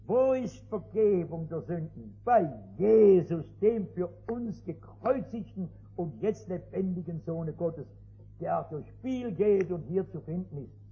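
An older male pastor preaches to a seated congregation, telling his stories with emphasis and swelling into loud, urgent appeals. His voice sits high for a man and has a husky edge. The recording is dull and lo-fi. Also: lively intonation, measured pace. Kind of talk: evangelistic sermon. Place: before a seated congregation in a meeting hall.

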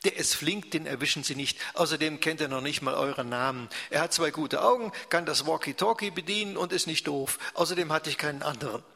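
A man voicing a calm, confident teenage boy, the older brother in a story. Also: high-pitched, fairly quick, creaky, hardly any pauses, voice pushed up, heavily acted. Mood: assured. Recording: echoey hall.

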